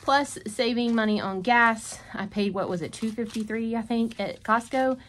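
A woman's voice: fairly high pitch, normal speed, fairly bright tone, slight background noise. A woman in a casual shopping haul vlog, chatting through her purchases and adding up prices and savings. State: out of breath. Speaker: vlogger.

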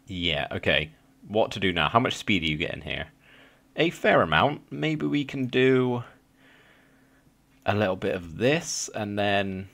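A man's voice: fairly low pitch, vocal fry, a bit bright. A young man with a slight lisp chatting casually as he plays a building game, thinking aloud with frequent ums and little laughs. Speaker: gaming channel host. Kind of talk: casual let's play commentary.

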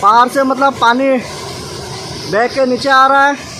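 A man's voice: very high-pitched, fairly even intonation, pushed and bright. A young man filming a casual travel vlog on his phone outdoors, chatty and addressing his viewers. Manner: chatty, repeats "दोस्तों" and "मतलब", addresses viewers. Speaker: vlogger. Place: outdoors by a forest stream and picnic shelter. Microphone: phone held at arm's length. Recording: noisy outdoor phone recording. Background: rushing stream water.

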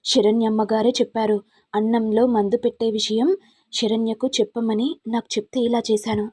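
A woman voicing a frightened maid who pleads for forgiveness, with a husky voice. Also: fairly high pitch, flat delivery, normal speed, dark tone, no room sound, clean studio sound. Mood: pleading. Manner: pleading, apologetic.

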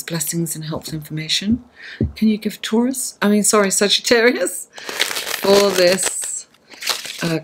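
A middle-aged woman with a slightly raspy voice giving a measured horoscope and tarot reading to camera. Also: lowish voice, a little hiss or hum, low-quality recording. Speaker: astrologer and tarot reader, host. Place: indoors, seated at a table.

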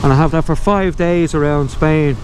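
A man's voice: fairly high pitch, normal speed. A man with an Irish accent chatting casually and wryly as a motorcycle vlogger while riding, talking in a rambling way. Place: outdoors riding a motorbike in rain. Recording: steady road, engine and traffic noise.

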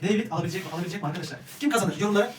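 A man's voice: high-pitched, rapid-fire. A man hosting a family challenge, commenting casually and playfully as he addresses the viewers. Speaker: host and contestant in a family challenge. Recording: echoey, distant mic, noisy room.

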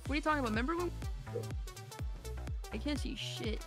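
A woman's voice: sits high, expressive, brisk. Swearing woman gamer over game music. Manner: swears freely, rambling and self-correcting. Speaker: teammate in voice chat. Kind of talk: casual voice chat while gaming. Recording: clear game music behind the voice.

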